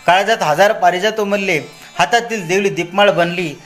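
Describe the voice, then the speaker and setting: A man narrating a devotional story in a dramatic way, moving between soft and raised delivery. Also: sits high, moderate pace, soft background music.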